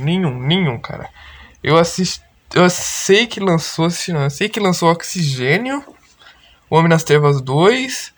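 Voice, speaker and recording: A young man with a Brazilian Portuguese accent hosting an unscripted podcast alone, rambling in loose slang and swearing freely. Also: a little high. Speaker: podcast host. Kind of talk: unscripted casual monologue.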